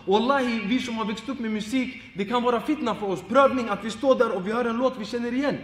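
A male Islamic teacher giving short, informal advice, animated and laughing as he acts out everyday examples. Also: extremely high pitch, roomy sound, big-room sound.

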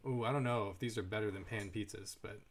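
A man's voice: on the low side, fast. A man hosting a casual live card break, reading out card names and chatting with viewers.

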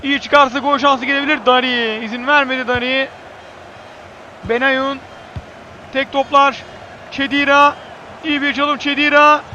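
A man giving live football commentary in clipped phrases, repeating player names emphatically and shouting excitedly at key moments. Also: very high-pitched, normal speed, pauses often, muffled recording, a little hiss or hum.

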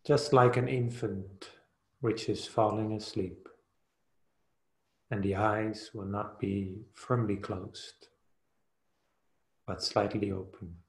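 Very slow and steady, a man teaching meditation soothes the listener in a low voice, offering brief phrases followed by lengthy pauses. His words echo clearly through a roomy-sounding space.

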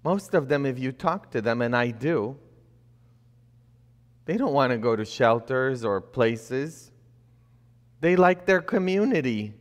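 A middle-aged man, a priest, preaching a sermon from a church pulpit, building emphasis and tossing in rhetorical questions. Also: mid-range voice. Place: church sanctuary, indoors. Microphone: fixed camera at a distance, pulpit. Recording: long reverb of a church hall.

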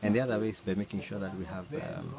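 An older man, a research institute director, giving a measured interview answer outdoors in a banana field with many fillers. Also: on the low side, crowd noise. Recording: loud outdoor noise with insects and vehicles.

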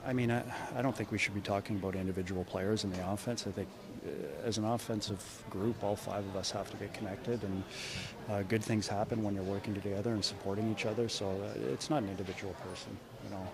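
A middle-aged head coach answers reporters at a postgame press conference in an indoor media room before a sponsor backdrop, speaking into a cluster of handheld reporter mics. He is measured, often restarting sentences and repeating words. His voice is fairly low and steady with vocal fry, and a crowd can be heard in the background.

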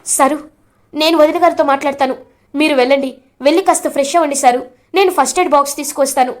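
A woman voicing a caring young woman of the house who soothes and coaxes the family, in a high voice. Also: steady tone, fast talker, natural voice. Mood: gentle. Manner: soothing, coaxing.

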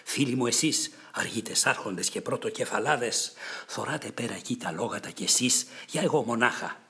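A man's voice: medium pitch, expressive, pushed and bright. A man reading as an earnest older king.

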